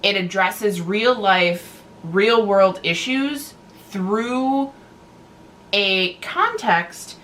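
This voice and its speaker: A woman co-hosting a book review in casual conversation, informal and halting, often repeating herself. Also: mid-range voice, a bit bright. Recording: noticeable background noise.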